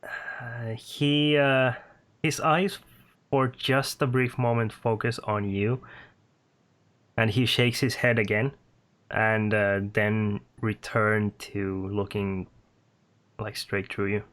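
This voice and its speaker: A man's voice: on the low side, flat delivery, a bit bright. A man narrating a tabletop role-playing game as game master, hesitant and full of fillers. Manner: slow and hesitant, many fillers.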